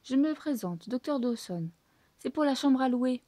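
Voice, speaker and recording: A gentle, polite stout doctor from a storybook, mild and courteous, as a woman reading aloud voices him. The voice is somewhat high and mellow, with a dry close sound. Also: animated, moderate pace, dry recording.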